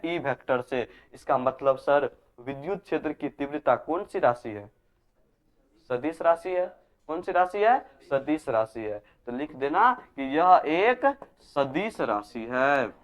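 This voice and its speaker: A man's voice: sits high, fairly bright tone, clean tone. A male physics teacher, giving a classroom lecture, repeating key terms as questions to his students. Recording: dull lo-fi recording.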